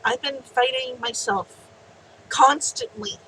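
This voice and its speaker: A woman vlogging, reading out a heartfelt message in an earnest, slow way and sounding teary. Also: high-pitched, steady tone, bright, forceful tone, slight background noise, poor audio. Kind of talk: personal vlog, reading a written message then chatting.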